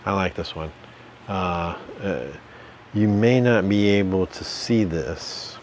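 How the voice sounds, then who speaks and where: A man's voice: deep voice, takes it slowly, darkish tone, a little hiss or hum. A man, hosting a casual home vlog, rambling in a folksy, jokey way with lots of fillers. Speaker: channel host, reseller. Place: home basement.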